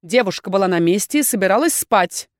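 A woman's voice: medium pitch, expressive, a little fast, no room sound, clean studio sound, natural voice. A woman voicing a nervous, strict female dormitory warden who speaks eagerly and insistently.

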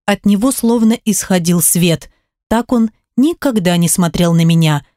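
A woman reading a first-person audiobook slowly and with feeling. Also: on the low side, mellow, no echo, clean studio sound. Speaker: audiobook reader.

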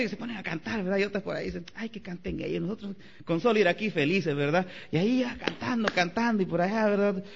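A man preaching a Sunday sermon as pastor, animated and climbing to loud exclamations. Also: a little high, creaky. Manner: animated preaching, rising to shouts. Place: church sanctuary. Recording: lo-fi church recording with long reverb.

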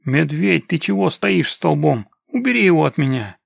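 A man doing a gruff barking army commander. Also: on the high side, lively intonation, moderate pace, dry recording, heavily acted. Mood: commanding. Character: gruff male army scout commander, stern.

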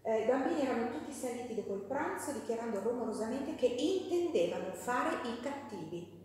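A woman's voice: a little high, expressive, a little fast, a little mellow, far from the mic. Woman lecturing in an echoey hall. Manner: conversational, with fillers and self-corrections. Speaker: teacher leading a women's class. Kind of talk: lecture with reading aloud from a novel. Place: live classroom or hall.

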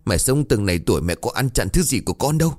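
Old mother in a ghost story, high and tearful, a man putting on the voice; lively swings in pitch, dry close sound. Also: quick pace, no room sound. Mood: pleading. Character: grieving old village mother, pleading.

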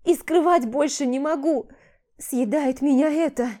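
A woman's voice: sits high, a little slow, mellow, pitched above the performer's own voice. A woman voicing a guilt-ridden young woman friend who sobs and pleads in an audiobook. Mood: tearful confession. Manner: sobbing, pleading, overwrought. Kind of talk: audiobook character voice.

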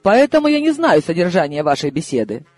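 A grumpy, easily offended young man from an audiobook, voiced by the male reader. The voice sits high and moves a lot in pitch, with light music faint in the background. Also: wildly swooping pitch, brisk, darkish tone. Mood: sulky. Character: sulky young man on the phone.

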